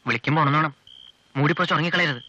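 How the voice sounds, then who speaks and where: An actor playing a playful nineteen-year-old young man in a 1980s film, giving brisk instructions. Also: on the high side, sharp tone, lo-fi sound. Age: young adult.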